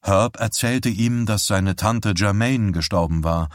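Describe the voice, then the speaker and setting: A man narrating an audiobook in a calm, measured way. His voice is deep and unhurried. The recording is dry and close. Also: dry recording. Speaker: audiobook reader. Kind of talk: scripted narration.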